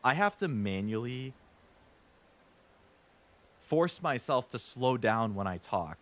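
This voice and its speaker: While streaming a game, a man chats casually and rambles, packing in lots of fillers and stuttering now and then when he speeds up. His voice is medium in pitch and a bit bright.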